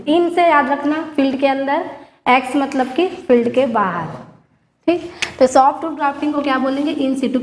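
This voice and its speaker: A woman teaching a class, explaining step by step and checking often that her students follow, dictating some lines slowly. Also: high-pitched, roomy sound, in a large hall, a little hiss or hum. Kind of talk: classroom lecture.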